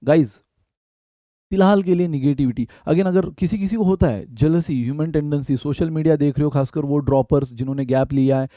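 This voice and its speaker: A man's voice: fairly high pitch, a little fast, warm tone, no room sound. A young man, an exam prep teacher, giving casual, direct motivational study advice and addressing viewers as guys. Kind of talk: motivational study-tips talk.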